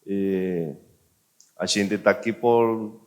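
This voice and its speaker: A man's voice: fairly low pitch, fairly even intonation, extremely slow. A Venezuelan man speaking Portuguese with a Venezuelan Spanish accent, giving a hesitant personal testimony full of fillers. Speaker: guest speaker.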